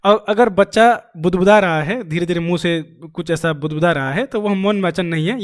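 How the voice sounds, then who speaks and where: High-voiced man teaching an exam lecture. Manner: explains by asking and answering his own questions; repeats key phrases, with frequent pauses and fillers. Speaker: Hindi teaching-methods teacher.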